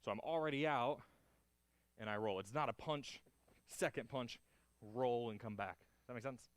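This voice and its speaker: Male martial arts instructor, mid-pitched voice, dry close sound. Clipped counts and cues, encouraging corrections, hands-on class delivery. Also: normal speed, clean tone, no echo. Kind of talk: hands-on karate class instruction, demonstrating moves aloud.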